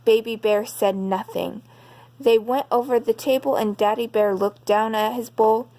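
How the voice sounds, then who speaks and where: A woman slowly reading a bedtime story aloud as storyteller, gentle and unhurried. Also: on the high side, steady tone.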